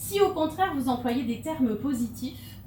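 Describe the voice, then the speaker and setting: A woman's voice: sits high, expressive, normal speed, dark tone, slight background noise. A woman giving a humorous stage talk, playful and theatrical, with laughing asides. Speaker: conference speaker. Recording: echoey hall, mic from far off.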